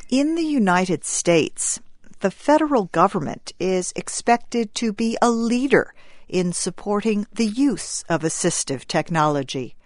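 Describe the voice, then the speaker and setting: Slow, clear female news narrator. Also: mid-range voice, lively intonation, no echo, clean studio sound. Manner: clear, deliberate reading. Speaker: program narrator.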